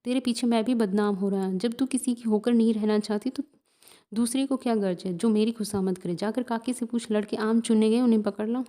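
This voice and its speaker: A woman's voice: on the high side, steady tone, fairly quick, mellow, natural voice. A woman voicing a brooding, proud young village man who answers in curt, sullen retorts.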